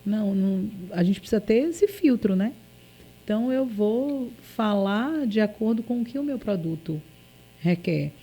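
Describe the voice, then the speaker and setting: A Brazilian woman, a journalist guest in a relaxed podcast chat. Her voice is mellow and warm, and she talks in a playful, expressive way with little jokes along the way. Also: medium pitch, normal speed. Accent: Brazilian Portuguese.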